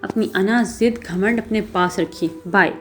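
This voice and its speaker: A woman's voice: fairly high pitch, a little mellow, a little hiss or hum, lightly acted. A woman voicing a spirited young heroine in a story reading, talking with indignant, emotional force. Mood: hurt. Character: spirited young woman, proud and quick to anger. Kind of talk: audiobook character reading.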